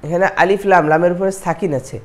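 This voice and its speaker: A man teaches Quran recitation, explaining pronunciation and repeating syllables to drill them, alternating slow chanting with quick explanations. His voice is high and fast, with fairly even intonation.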